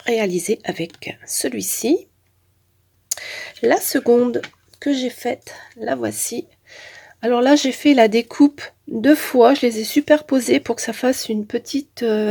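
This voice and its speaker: Female craft vlogger, higher-pitched, slightly husky, stuffed-up nasal voice from a head cold, casual showcase narration. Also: a little mellow. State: has a head cold with blocked nose. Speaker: craft channel host.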